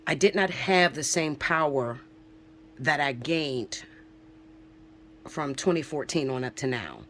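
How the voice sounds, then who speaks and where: A woman in her forties, working as a spiritual reader, speaks slowly and expressively in a low voice that's a bit bright, over a slight hiss or hum. Her casual vlog to viewers is emphatic and preachy, full of swearing and frequent "okay?" check-ins.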